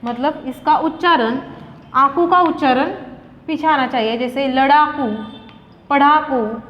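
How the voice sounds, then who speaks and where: A woman teaches a grammar lesson with a high voice. She works slowly through the material and repeats each example word as she explains it. The recording sounds dull and muffled, with a long reverb trailing after her words. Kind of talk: classroom lesson.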